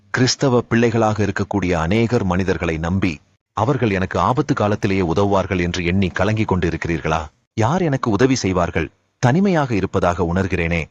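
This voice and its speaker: A man's voice: lowish voice, dry recording. A man delivering a devotional message in God's voice, solemn and comforting, addressing listeners as his daughters and sons. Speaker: devotional speaker. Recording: dull, lo-fi and dry.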